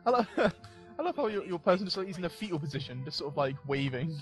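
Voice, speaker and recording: A man's voice: fairly high pitch, expressive, fast, faint music behind. A man chatting casually and with amusement while playing a party game. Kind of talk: casual chat while gaming.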